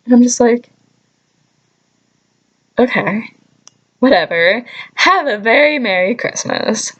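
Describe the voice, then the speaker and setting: A young woman vlogger tells casual, chatty stories in a fairly high voice, taking her time as she gripes about them. She sounds animated and exasperated, tossing in sarcastic asides and mild swearing, though the recording is muffled.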